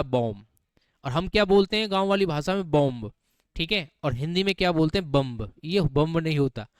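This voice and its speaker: A man's voice: high-pitched, smooth, no echo, clean studio sound. A man teaching English vocabulary in a classroom style, often quizzing his students and repeating words back to them. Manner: keeps asking students questions and repeating words, calls them beta.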